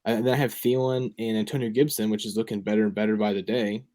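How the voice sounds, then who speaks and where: A young man with a fairly low voice talks through his picks in casual chat. He rambles and thinks aloud, dropping plenty of ums and likes as he goes. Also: flat delivery, quick pace, dark tone. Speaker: fantasy football podcast co-host.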